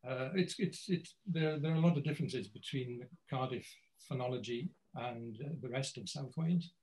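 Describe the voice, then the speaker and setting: Speaking briskly in a medium-pitched, slightly mellow voice, a guest on a video-call academic panel comes through with poor audio. He hesitates often, restarting sentences and repeating words.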